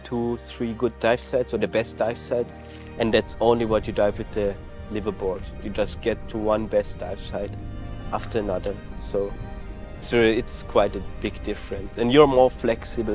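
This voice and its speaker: A man from Austria working as a dive guide, speaking in a relaxed documentary interview and pausing to search for words. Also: mid-range voice.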